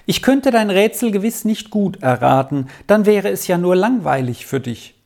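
A reader voicing a kind, gentle twelve-year-old girl in a storybook reading, speaking in a lifted, friendly tone. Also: medium pitch, big pitch swings, moderate pace, creaky, voice pushed up.

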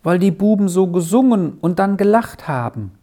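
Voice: mid-range voice, animated, normal speed, mellow, pitched above the performer's own voice, lightly acted. A storyteller voicing a shy, timid little girl in a children's storybook, with a lifted young-sounding voice. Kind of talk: storybook reading.

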